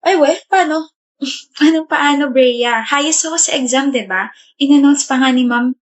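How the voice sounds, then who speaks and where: A woman's voice: high-pitched, moderate pace, close to an everyday voice. A woman acting out a school skit, chatting and bantering among friends. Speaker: skit actor. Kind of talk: scripted school skit dialogue.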